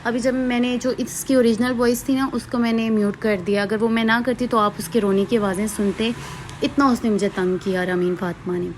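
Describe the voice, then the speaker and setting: A young woman gives a chatty, conversational voice-over, her voice sitting a little high. The home recording carries clear background noise. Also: steady tone, a little fast. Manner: chatty, conversational, with fillers and asides. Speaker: vlogger. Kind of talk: casual voice-over narration. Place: hot room at home, fan switched off.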